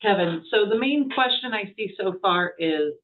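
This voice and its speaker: Moderator voice, mid pitch, hesitant, restarts, tinny phone-like call audio. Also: expressive, normal speed. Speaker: webinar moderator. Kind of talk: casual Q&A moderation.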